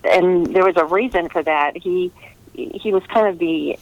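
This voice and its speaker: A middle-aged American woman who writes historical romance novels speaks earnestly and reflectively in a conversational interview. Her voice is on the low side and unhurried, with the highs cut off in the audio.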